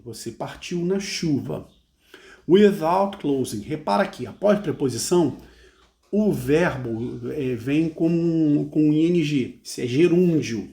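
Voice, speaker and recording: A man's voice: medium pitch, vocal fry, dark tone. A Brazilian man with a Brazilian Portuguese accent, patiently explaining song lyrics as an English teacher, tagging "né?" onto his phrases. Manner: reads English lines slowly and carefully.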